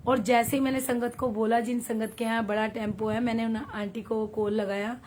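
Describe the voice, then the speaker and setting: A woman's voice: a little high, little pitch movement, moderate pace, a little hiss or hum. A woman from Haryana leading a devotional satsang on a phone livestream, telling a story and chatting with viewers, often laughing. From Haryana, India. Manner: chatty, warm, laughs often, reads viewer comments aloud. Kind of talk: devotional storytelling and live chat.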